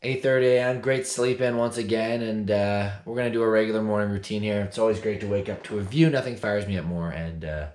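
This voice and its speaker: Speaking fast with hardly any pauses, this young hiking vlogger has a fairly low, steady, slightly mellow voice and slight background noise. He talks to his handheld action camera at arm's length with playful enthusiasm along a mountain trail and by a small wooden hut, while music runs beneath.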